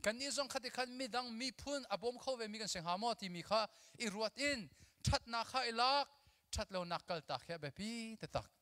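Youth-conference preacher, thirties, male. High, bright voice, lively call-and-response delivery into a handheld mic, with a long reverb tail from the hall. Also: brisk. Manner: animated, mixes English with his own language, drills the crowd with call-and-response. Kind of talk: energetic sermon to a youth audience. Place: large church auditorium stage.

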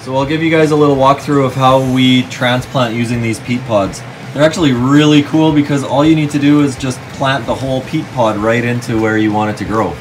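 A father in a home basement walking his kids through planting seedlings, explaining each step gently into a handheld phone camera. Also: mid-range voice, fairly even intonation, brisk, noisy background. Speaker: parent gardening with his kids. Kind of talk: casual home video.

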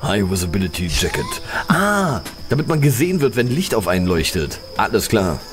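Animated male gamer with music behind. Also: lowish voice, quick pace. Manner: talks to himself while playing, puzzled and playful. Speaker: streamer. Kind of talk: casual gaming commentary.

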